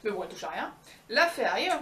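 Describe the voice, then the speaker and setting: A woman's voice: on the high side, very animated, fast talker, sharp tone, far from the mic, a little hiss or hum. Chatty woman retelling a tale, echoey room. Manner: chatty, slangy, ironic asides with frequent fillers. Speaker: storyteller. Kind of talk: casual retelling of a fairy tale.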